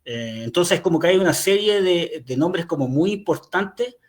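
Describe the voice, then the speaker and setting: A Chilean man speaks over a video call as an interview guest. His voice sits slightly high, and he reasons slowly, filling his pauses with "eh" and restarting his phrases as he goes. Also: animated. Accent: Chilean Spanish. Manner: thoughtful, hesitant, many fillers and restarts. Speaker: guest poet. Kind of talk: reflective interview answer. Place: home, remote video call.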